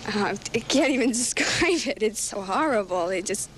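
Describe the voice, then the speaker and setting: A woman's voice: mid-range voice, animated, normal speed, a bit bright. Casual woman in noisy TV vox pop. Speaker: cinema-goer being interviewed. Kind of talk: casual, slangy chat. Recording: 1970s TV interview, faint noise.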